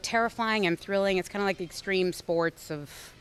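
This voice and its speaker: A woman being interviewed as an actress, her voice smooth and resonant at an ordinary pitch. She talks in a bubbly, effusive rush, circling back and correcting herself as she goes. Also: normal speed. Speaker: actress guest. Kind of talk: casual interview chat.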